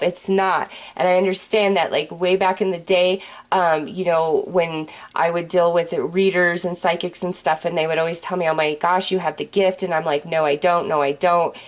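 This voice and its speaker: A woman with a fairly low voice hosts a mystical horoscope reading. She talks casually and directly to the listener, like a tarot reader in conversation, offering reassurance as she goes.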